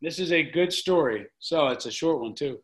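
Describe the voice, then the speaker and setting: A man's voice: on the high side, lively intonation, normal speed, rough recording. A man guest on a chat show telling a rambling, profane story in casual talk. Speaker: guest, fitness mentor.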